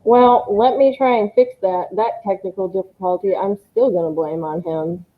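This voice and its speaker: A woman's voice: medium pitch, moderate pace. Woman co-host, muffled as if through a tube. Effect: muffled, as if speaking down a tube. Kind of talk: casual radio talk. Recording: muffled lo-fi mic.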